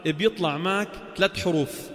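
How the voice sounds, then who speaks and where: A man with a Levantine Arabic accent teaching Quran recitation, asking questions and chanting sounds slowly to show them. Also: high-pitched, fairly bright tone, in a large hall. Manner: slow, drawn-out chanted demonstrations of sounds and words; asks the class questions and answers them himself. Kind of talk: spoken lesson on tajweed.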